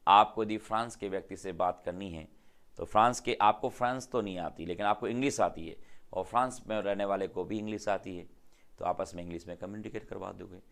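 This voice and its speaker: A middle-aged man teaching English vocabulary in Hindi, repeating each word and quizzing his students with quick questions. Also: deep voice, creaky, fairly bright tone. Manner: repetitive, drills words with quick questions. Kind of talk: classroom vocabulary lesson.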